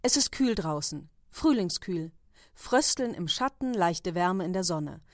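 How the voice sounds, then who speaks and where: A woman reading stories aloud in a calm, even narrating manner. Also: on the low side, a little slow, no room sound, clean studio sound. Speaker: reader. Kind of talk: audiobook reading.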